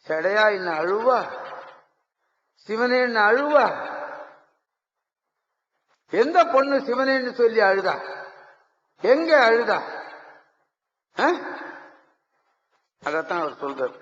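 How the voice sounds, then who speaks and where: An older man from Tamil Nadu gives a slow devotional lecture, keeps posing rhetorical questions and answering them himself. His voice is high and bright. It was recorded in a large hall, with a long echo and a dull, lo-fi sound. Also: very animated. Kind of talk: devotional lecture with sung verses.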